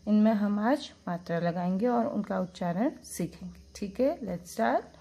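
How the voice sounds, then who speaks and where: A woman's voice: medium pitch, animated, a little slow, creaky, mellow, poor audio. A woman teacher giving a lesson to young children, drawing out each syllable and repeating sounds for the class to copy. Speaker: kindergarten teacher.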